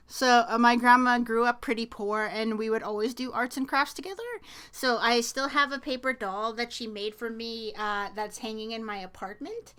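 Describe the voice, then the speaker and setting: A woman's voice: fairly high pitch, sharp tone, smooth. A young woman from Canada co-hosting a podcast, chatting casually with lots of fillers and laughter. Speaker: podcast co-host. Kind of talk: casual chat.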